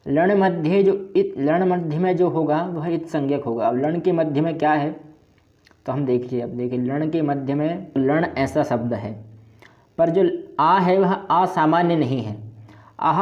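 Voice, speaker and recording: A man giving a patient grammar lesson, spelling out sounds one by one in a slow, careful recitation. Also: fairly high pitch, muffled recording. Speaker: Sanskrit grammar teacher. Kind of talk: explanatory lecture.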